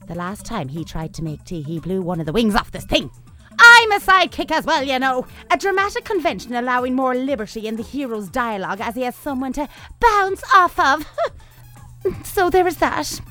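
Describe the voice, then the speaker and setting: A woman's voice: high voice, a bit bright. A woman with a put-on Irish accent playing a fussy, tea-loving space sidekick in a comedy radio play, chatty and cheeky.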